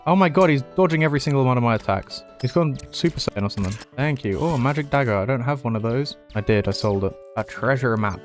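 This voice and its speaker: A man's voice: medium pitch, expressive, fast talker, hardly any pauses, faint music behind. A man talking casually over his own gameplay, chatty and self-mocking with sarcastic asides. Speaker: gaming YouTuber.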